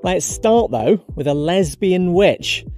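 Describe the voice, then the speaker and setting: A man hosting a short news podcast, reading scripted headlines in a brisk, upbeat and cheeky way. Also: sits high, lively intonation, a little mellow. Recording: dry studio read over light music.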